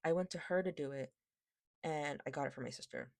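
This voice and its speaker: A woman's voice: low voice, brisk, no room sound, studio quality. A woman with a lisp that makes her s slushy, chatting casually and rambling, often interrupting herself. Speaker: vlogger, K-pop collector. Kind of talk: casual rambling haul chat.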